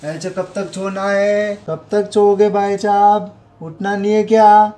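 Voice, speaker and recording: A man's voice: high voice, flat delivery, takes it slowly, mellow. A man vlogging at home on a handheld camera, coaxing and teasing his dog in a playful, chatty way. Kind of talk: casual pet vlog narration. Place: home, indoors.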